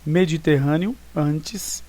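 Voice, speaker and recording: A man's voice: a little high, slow, mellow. Brazilian man teaching a grammar lesson. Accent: Brazilian Portuguese. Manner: explanatory, frequent "né" and "tá" checks. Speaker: Portuguese teacher. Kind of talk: recorded online grammar lesson.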